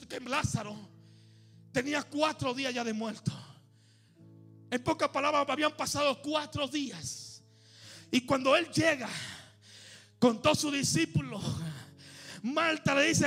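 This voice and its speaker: A male pastor preaching a sermon, moving from soft talk to shouted, chanted lines, over music. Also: very high voice, measured pace, vocal fry, pauses often.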